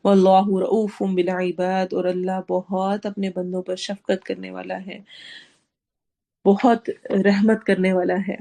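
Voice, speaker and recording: A woman teaching Quran recitation, reciting each phrase slowly and then explaining each sound, with English words mixed into her teaching. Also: medium pitch, little pitch movement, creaky, dark tone. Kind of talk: tafsir and tajweed lesson.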